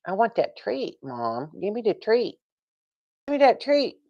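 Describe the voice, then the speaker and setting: A woman's voice: mid-range voice, big pitch swings, measured pace, dull audio, pitched above the performer's own voice. A woman voicing her spoiled little female dog, whining and pleading over and over for a treat during a live stream. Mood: begging. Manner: whiny, pleading, repetitive.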